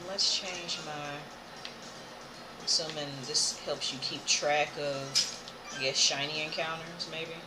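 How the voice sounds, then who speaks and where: An American streamer gives casual gameplay commentary, thinking aloud in a loose, playful way. Video game music plays clearly behind the voice. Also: mid-range voice, fairly even intonation, slow, low-quality recording. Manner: playful, hums filler tunes, reads game text aloud.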